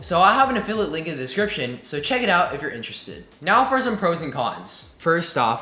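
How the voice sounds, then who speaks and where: Faint music and a roomy echo surround a man reading an upbeat, scripted product review into his desk USB condenser mic. The tech reviewer sounds enthusiastic, his voice a little high, bright and forceful.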